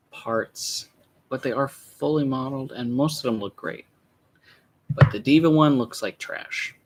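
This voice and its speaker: Soft-spoken, rambling young man. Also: on the low side. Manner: laid-back, rambling, with many fillers and asides; keeps his voice down. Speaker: vlogger. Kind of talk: casual unboxing chat. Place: room at home with shelves.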